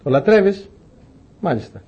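A man's voice: very animated, breathy edge, full character voice. A man voicing God questioning a father in a sermon story. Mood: stern. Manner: low, quiet and probing. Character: God testing a father, stern and quiet.

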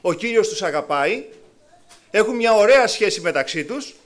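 A man preaching a sermon to his congregation, animated, acting out the voices of biblical people with sudden rises and drops. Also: sits high.

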